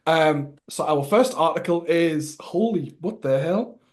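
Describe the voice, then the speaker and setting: Host, giggly, jokey, stammering, casual panel game chat, middle-pitched. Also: expressive, a little slow.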